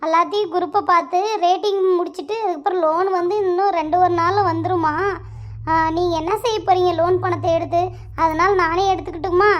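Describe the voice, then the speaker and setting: A woman's voice: very high-pitched, fairly even intonation, a little fast, lo-fi sound. Woman playing a whiny scheming sister-in-law. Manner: whiny, demanding, sulky.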